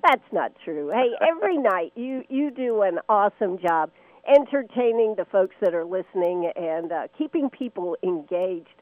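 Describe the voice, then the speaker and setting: A woman's voice: medium pitch, lively intonation, normal speed, no room sound. A woman interviewing a radio host, friendly and admiring, who often restarts her sentences. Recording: phone-like narrow band.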